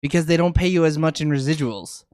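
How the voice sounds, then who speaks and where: A man's voice: a little high, quick pace, a little mellow, clear, resonant tone, no echo, clean studio sound. A man co-hosting a casual movie review discussion, crude, profane and opinionated in how he talks. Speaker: podcast co-host reviewing movies.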